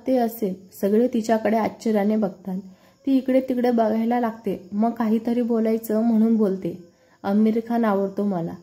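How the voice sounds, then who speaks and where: A woman narrates a story in an even, unhurried read-aloud manner. Her voice sits fairly high but sounds mellow and soft-edged, never sharp. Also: faint music behind.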